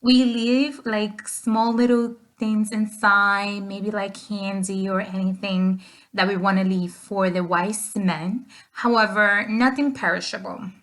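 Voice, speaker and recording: Woman from the Dominican Republic, mid-pitched, reads a prepared class talk with a few fillers. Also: fairly even intonation, slow, a bit bright. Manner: reads from a script with short fillers. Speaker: student presenter.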